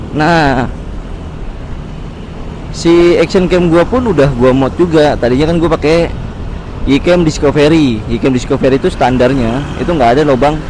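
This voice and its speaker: This medium-pitched man, a motovlogger with a Jakarta Indonesian accent, chats slangily and informally to his audience as he rides outdoors on city roads. The recording carries background music plus vehicle and road noise.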